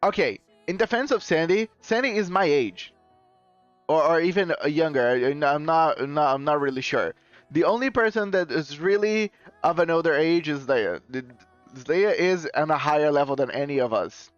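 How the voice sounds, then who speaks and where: Rambling through a casual live stream, this man often laughs as he corrects himself while talking to his viewers. His voice sits on the high side and moves at a moderate pace without echo. Faint music plays under the dull, lo-fi audio.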